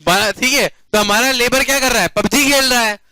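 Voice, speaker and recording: A man's voice: very high-pitched, brisk, pushed and bright, dry recording, low-quality recording. A male commerce teacher lecturing a class playfully, often checking that students follow and mixing English phrases into his talk.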